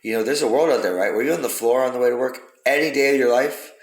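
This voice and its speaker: A man's voice: mid-range voice, fast, vocal fry. A man giving a rambling, profane philosophical monologue, repeating himself for emphasis. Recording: roomy echo.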